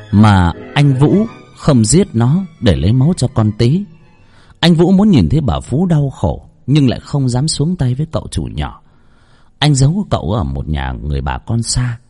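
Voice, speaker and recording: A man narrating a dramatic Vietnamese folk ghost story with an expressive, swooping delivery. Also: medium pitch, husky.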